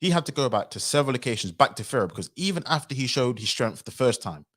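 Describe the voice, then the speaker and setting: Fast-talking man on a livestream. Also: medium pitch. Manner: animated, acts out quoted voices. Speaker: livestream commentator. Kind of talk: livestream commentary.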